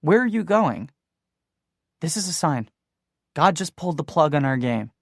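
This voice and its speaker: A man voicing a bold, wisecracking teenage girl in an audiobook, raised well above his own pitch. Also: moderate pace, creaky, no echo, studio quality, lightly acted. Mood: insistent. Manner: sharp, teasing, insistent.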